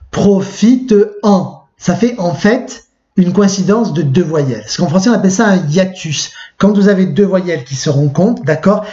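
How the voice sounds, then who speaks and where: A man teaching a grammar lesson by video to young pupils, patiently explaining step by step, slowing down to spell out example forms and often checking with "d'accord?". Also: high-pitched, a little mellow, highs cut off. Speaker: French teacher. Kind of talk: recorded video lesson for sixth graders.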